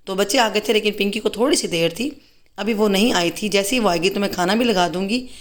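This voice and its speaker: A woman's voice: medium pitch, fast. A middle-aged Pakistani woman with a Pakistani accent narrating a casual home vlog, chatty and teasing her family. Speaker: vlogger. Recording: busy home with crowd chatter.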